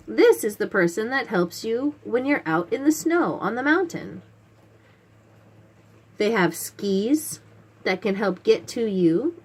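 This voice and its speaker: With a mid-range, slightly rough voice, a woman leads a read-aloud for small children, explaining a picture book. She talks in simple, teaching-style sentences and asks the listener questions.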